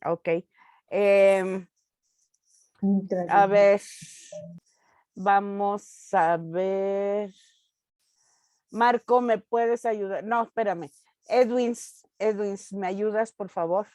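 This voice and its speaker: A woman teacher talks her students through a story on a video call. She goes slowly, with fillers between her points. Her voice sounds dry and close. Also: mid-range voice, fairly even intonation, darkish tone, no echo. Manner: slow, explanatory, with fillers. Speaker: literature teacher. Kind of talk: online class discussion.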